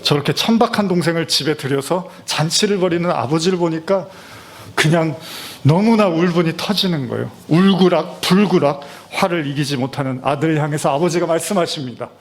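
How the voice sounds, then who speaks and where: A man's voice: on the high side, fairly quick. A middle-aged male pastor delivering a Christmas sermon in a conversational, storytelling way with frequent fillers.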